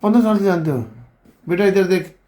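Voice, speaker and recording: A man with a high-pitched voice, speaking a little fast, grills a couple in an impromptu interview. Calling them "beta," he repeats their answers back to them and pushes them to talk louder.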